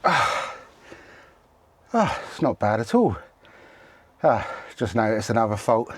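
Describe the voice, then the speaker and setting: A man's voice: lowish voice, big pitch swings, slow, husky. A middle-aged man from the UK vlogging casually inside a motorhome, muttering and grumbling to himself as he works on repairs. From United Kingdom. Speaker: travel vlogger. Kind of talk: casual self-talk while doing repairs. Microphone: camera mic set down nearby. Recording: noisy camera recording with clicks.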